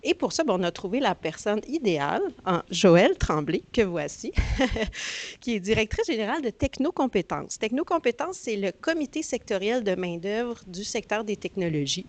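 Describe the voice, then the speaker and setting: A woman's voice: mid-range voice, very animated, normal speed. A woman with a Quebec French accent hosting a conference with an informal, hesitant introduction, often searching for words. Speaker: conference host.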